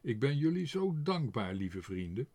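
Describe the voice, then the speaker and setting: A man voicing a kind, honest father in an audiobook, speaking gently but firmly. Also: medium pitch, moderate pace. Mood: gentle, firm. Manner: gentle, calm and firm. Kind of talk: audiobook character voice.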